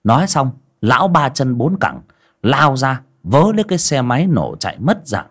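A man narrating an audio story in an expressive way. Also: medium pitch, normal speed, slightly rough.

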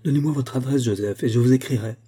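A man voicing an anxious, gentle old male bank clerk who pleads in a trembling way. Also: medium pitch, fast, close to an everyday voice.

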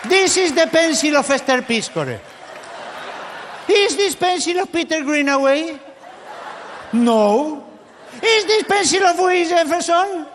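A man doing a squeaky babbling comic clown. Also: animated, takes it slowly, pauses often, a bit bright, some chatter behind, exaggerated voice. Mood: giddy. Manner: rambling, punning, mock English-lesson recital. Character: manic grown man babbling silly wordplay. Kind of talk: live comedy sketch. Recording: live stage recording with audience and hiss.

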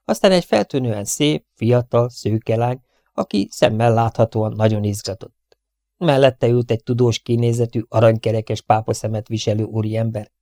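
A man reads a novel aloud in a steady, even storytelling manner, at a mid pitch for a man. The recording is dry and close, with no room sound. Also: no echo. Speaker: audiobook reader. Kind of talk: scripted narration.

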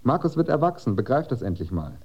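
A man's voice: medium pitch, very animated, fast, a little mellow, highs cut off. An actor playing a tired, stern middle-aged father and doctor in a radio play, firm and sarcastic.

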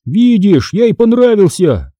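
A whiny, mischievous prankster boy, played by a male reader, pushed high and loud, whining and wheedling. The tone is dark and a little husky. The sound is dry and close. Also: sing-song, unhurried, no room sound, heavily acted. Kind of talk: audiobook character reading.

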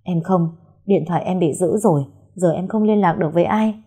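A woman voicing a desperate young woman held captive by her family, speaking in a hushed, pleading way. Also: on the low side, fairly quick, slightly rough.

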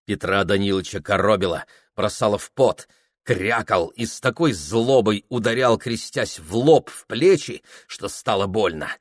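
A man reading a literary novel aloud in a measured, dramatic manner. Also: fairly low pitch, animated, dry recording, studio quality. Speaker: audiobook reader. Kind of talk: scripted literary narration.

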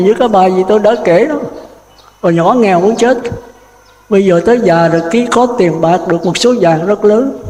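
A Buddhist monk giving a folksy, animated sermon full of stories and laughs. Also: male voice, high-pitched, a little hiss or hum. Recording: echoey hall.

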